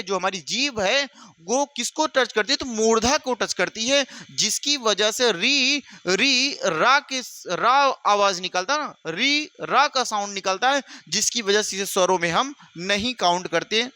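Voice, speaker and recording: Bright, high-voiced male Hindi teacher. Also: no echo. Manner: repeats phrases slowly for dictation, addresses students as brother. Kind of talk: online exam-prep lesson.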